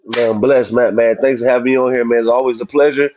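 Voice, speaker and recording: A man in his thirties chatting casually as an interview guest, using relaxed slang, with slurred, slushy s sounds. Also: mid-range voice, fast, dull audio. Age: 30s. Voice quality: slurred, slushy sibilants from a mouth grill. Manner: informal, slangy, frequently saying "man". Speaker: professional boxer, interview guest.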